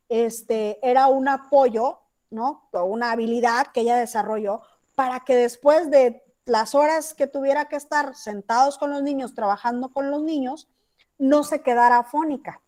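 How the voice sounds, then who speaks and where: A woman with a Mexican accent teaches a class over a video call. Her voice sits high, and her talk is chatty, with frequent checks that everyone is following along. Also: fairly even intonation, normal speed, warm tone. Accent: Mexican Spanish. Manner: chatty, asks checking questions. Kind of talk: online class lecture.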